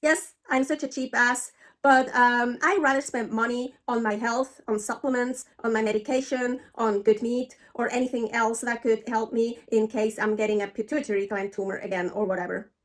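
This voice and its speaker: Speaking at a moderate pace in a fairly high, steady voice, a middle-aged woman from Switzerland talks casually to the camera as a travel vlogger. She comes across chatty and blunt, cursing without holding back.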